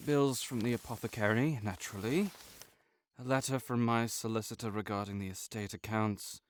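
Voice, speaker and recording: A natural-sounding man with a fairly low voice and fairly even intonation voices a frail, proud, melancholy nobleman in an intimate audio roleplay. His formal, measured, old-fashioned speech comes across as dry and wistful, and the recording itself is dry.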